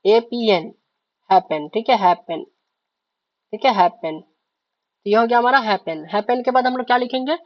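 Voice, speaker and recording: With a voice on the high side, a woman teaches shorthand in a mix with spoken language at a measured pace, leaving long pauses. She writes on a board, spells letters, repeats words and checks the class's understanding with frequent "ठीक है?" prompts. The recording is a little dull and lo-fi.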